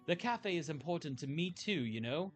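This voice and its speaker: A man's voice: on the high side, expressive, moderate pace, faint music behind, lightly acted. A man voicing an earnest young woman café manager, reading game dialogue aloud in a heartfelt way. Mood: relieved.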